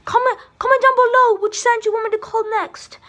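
A woman with a very high voice hosts a casual prank vlog. She gasps, repeats herself and hams up being frightened for her viewers. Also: steady tone, a little fast, bright, forceful tone. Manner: dramatic, gasping, playing scared; repeats exclamations. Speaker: YouTube host.

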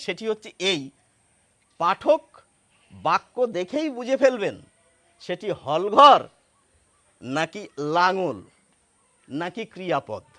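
High-voiced man teaching spelling. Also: a bit bright. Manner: explains step by step with rhetorical questions. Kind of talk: explanatory lesson.

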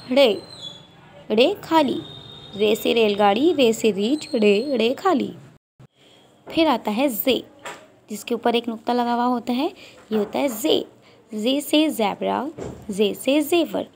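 A woman teaching a nursery class online, slowly drilling letters one by one for small children and mixing English with Hindi-Urdu. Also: on the high side, vocal fry, darkish tone, slight background noise.

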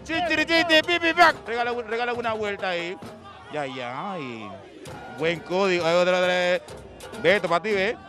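A man with a Panamanian accent doing loud, teasing comic street interviews at a stadium, often shouting. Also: sits high, animated, moderate pace. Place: outdoors at a stadium crowd. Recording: music and crowd noise. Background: crowd and music.

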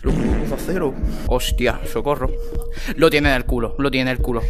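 A man with a Spain Spanish accent, playing a VR horror game with friends in casual commentary, jumpy and swearing, shouting in fright and then joking. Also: medium pitch, steady tone, moderate pace, music in the background. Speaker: gaming video host.

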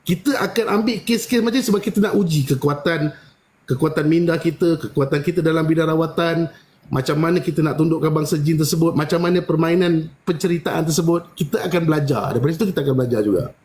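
A man, a spiritual healer telling a story in casual live-stream chat and acting out the dialogue with big jumps in his voice. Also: fast. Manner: animated, acts out dialogue with big pitch jumps.

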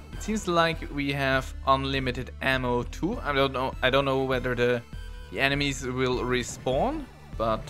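A man talks through a blind playthrough in a slow, rambling way, reading game text aloud and poking fun at himself. His pitch sits in a middle range. Quiet game music runs underneath. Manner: rambling, self-deprecating, reads on-screen text aloud. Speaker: let's play gamer. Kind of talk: casual gameplay commentary.

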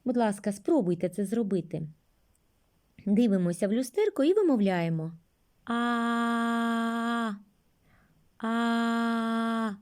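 A woman teaching young children a speech lesson, speaking gently and drawing out words for them. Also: medium pitch. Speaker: kindergarten teacher.

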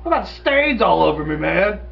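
A man's voice: sits high, very animated, moderate pace, recorded from a distance, lo-fi sound, a little hiss or hum, pitched above the performer's own voice, heavily acted. A man voicing a crude, rowdy, hungover male Muppet puppet in an improvised comedy sketch. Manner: crude, gravelly, slurring party-animal talk.

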